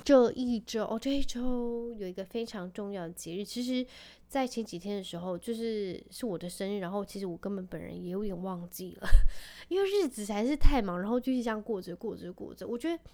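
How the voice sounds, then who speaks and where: A woman's voice: medium pitch, expressive, brisk, warm tone. A woman in her thirties hosting a podcast, chatting casually and tenderly about family life, laughing often. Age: 30s. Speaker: podcast host. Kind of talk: casual chat.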